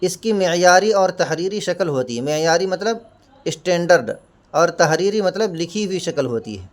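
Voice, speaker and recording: A man's voice: high-pitched, animated. A man teaching an exam-prep lesson. He asks himself questions, answers them, and repeats key points with Hindi and English equivalents. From India. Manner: explains each term with Hindi and English equivalents.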